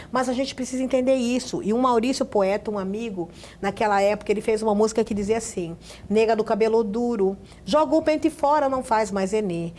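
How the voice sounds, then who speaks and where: A woman's voice: medium pitch, mellow, a little hiss or hum. A Brazilian woman speaking as a guest on a studio talk show, making emphatic, passionate points in long run-on sentences. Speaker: guest, activist founder.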